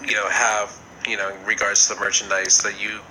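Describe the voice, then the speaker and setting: Male co-host, very bright tone, hesitant halting questions, faint noise behind. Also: on the low side, little pitch movement, rough recording. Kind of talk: casual chat.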